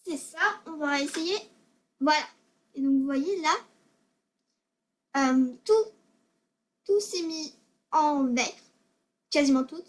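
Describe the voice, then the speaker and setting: A woman's voice: high-pitched, takes it slowly, pauses often. A female gaming video maker giving casual tutorial commentary, hesitant and self-conscious, often stammering and repeating words.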